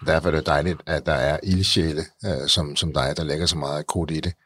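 A male host with a very low, husky voice asks encouraging questions, stumbling over words and repeating himself as he goes. His voice is picked up close and dry, with no room echo. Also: fairly even intonation, fairly bright tone. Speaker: podcast host. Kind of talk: interview conversation.

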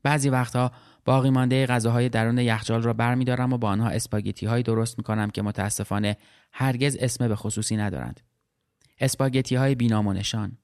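Man, audiobook narrator, mid-range voice, calm, measured, reflective. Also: medium pitch. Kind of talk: audiobook story reading.

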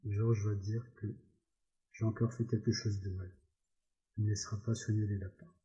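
A man reading the lines of a simple-minded, childlike farmhand in a storybook, slow and earnest, on a slightly dull recording. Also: fairly low pitch, level tone, warm tone, close to an everyday voice. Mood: pleading.

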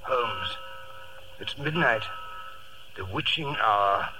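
An actor playing a flustered, genial gentleman doctor in a 1940s radio drama. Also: on the low side, lively intonation, drawn-out words. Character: excitable, puzzled gentleman doctor, detective's loyal companion. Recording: noisy 1940s radio recording.

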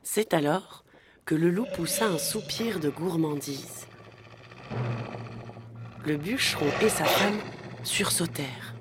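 Female storyteller: low, slow, gentle children's narration over music. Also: background noise. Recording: music playing underneath.

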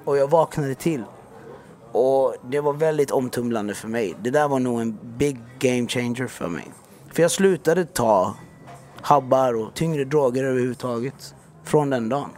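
A man's voice: mid-range voice, darkish tone. A man in his thirties, a podcast guest telling his story in a casual, slangy way that repeats itself. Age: 30s.

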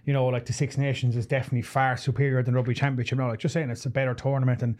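A man's voice: medium pitch, level tone, racing, a little mellow. An Irish man giving opinionated, emphatic views as a guest pundit in a studio sports chat.

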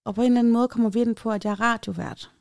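A woman's voice: a little high, gravelly, a little mellow, no echo, studio quality. A woman from Denmark, a podcast co-host, telling a story in casual chat and acting out the quotes of the people in it with changed voices.

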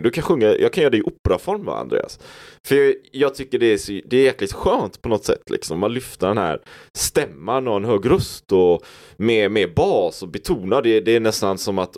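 Man, podcast host, low voice, rambling, reflective, casual chat. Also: darkish tone.

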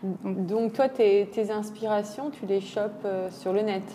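A woman's voice: mid-range voice, a little slow, mellow, long reverb tail, a little hiss or hum. A woman interviewing in a casual way, asking short questions and prompting the guest. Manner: prompting, brief questions and backchannels.

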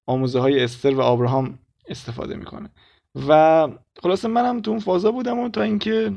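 A man with an Iranian Persian accent speaks in an informal, chatty storytelling way. His voice sits a little high for a man and has a strong creaky edge. The recording sounds slightly dull and lo-fi. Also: darkish tone. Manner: informal, colloquial, conversational. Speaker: spiritual self-help content creator. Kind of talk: casual storytelling monologue.

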